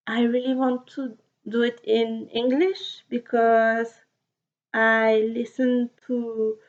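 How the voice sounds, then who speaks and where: A woman's voice: fairly high pitch, creaky. A woman with a French accent, a native French speaker, chatting casually about her knitting projects and often repeating words as she searches for them. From France. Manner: halting, repeats words, soft laughs. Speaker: knitting podcaster. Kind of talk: casual chat. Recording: dull lo-fi sound.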